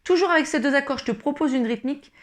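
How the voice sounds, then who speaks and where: Over the sound of ukulele strumming, a high-pitched woman talks fast while teaching the instrument. She explains each step patiently and addresses the learner informally in this tutorial.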